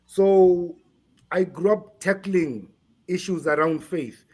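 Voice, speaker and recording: A man from South Africa talks through his story at an unhurried pace. His voice sits a little high for a man, and he often repeats a word while he searches for the next one. He is a podcast guest answering questions. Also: a little mellow. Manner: slow, hesitant, repeats words while searching for them. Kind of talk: podcast interview.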